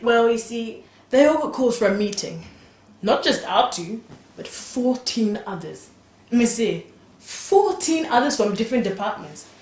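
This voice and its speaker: An actress playing a young married, pregnant woman, animatedly recounting events to her mother, at times exclaiming and at times hushed. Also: a little high, very animated, unhurried. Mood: worried. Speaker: daughter confiding in her mother. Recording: distant, roomy sound with faint background noise.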